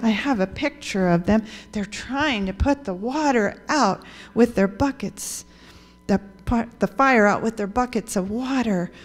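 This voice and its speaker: A woman telling a children's story in church, slow and expressive, acting out the voices of the people in it. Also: a little high. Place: church sanctuary.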